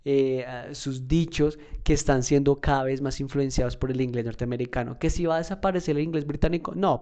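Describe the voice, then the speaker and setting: A male English teacher with a warm, mid-range voice gives a casual spoken lesson. He explains things in a measured, conversational way, using fillers and restarts and often checking in with "¿listo?" and "¿verdad?"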